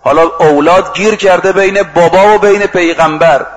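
A man giving a sermon, telling stories vividly, acting out the quoted dialogue, and slowly chanting scripture and verse. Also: high-pitched, low-quality recording. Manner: lively storytelling that acts out quoted exchanges and chants scripture and verse. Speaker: preacher. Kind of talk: storytelling sermon.

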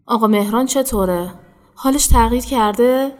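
Actress as devoted wife, radio drama, high voice, tender, tearful pleading. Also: female voice, darkish tone, close to an everyday voice. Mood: warm, gentle. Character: devoted middle-aged wife praying for her husband.

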